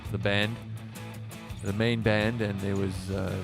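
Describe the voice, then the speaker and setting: Music plays behind a South African musician, a native Afrikaans speaker, as he tells stories on a laid-back livestream. His fairly low, creaky voice is flat and slow, and he rambles with plenty of fillers and restarts.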